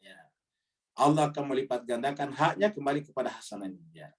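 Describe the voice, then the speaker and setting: A man's voice: fairly quick, distant mic. A man preaching to a congregation, reciting Arabic verses and explaining them, his voice jumping up on rhetorical questions. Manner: lively, rises in pitch on questions. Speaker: Islamic preacher. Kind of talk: Quran study sermon.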